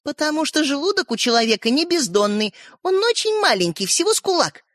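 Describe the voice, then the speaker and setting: A woman's voice: high voice, big pitch swings, a little fast, fairly bright tone, dry recording, studio quality, voice pushed up. A woman voicing a bossy older sister, a girl who mocks and scolds her little brothers in an audiobook. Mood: scornful. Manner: mocking, scolding. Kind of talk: audiobook character reading.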